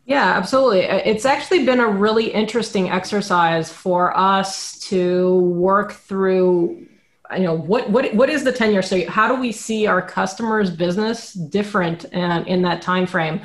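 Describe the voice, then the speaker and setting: A woman in her thirties speaks as a product manager on a video call, working through each point in an orderly, measured way. She is recorded on a webcam in a dim room at home. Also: medium pitch. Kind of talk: panel discussion on a video call.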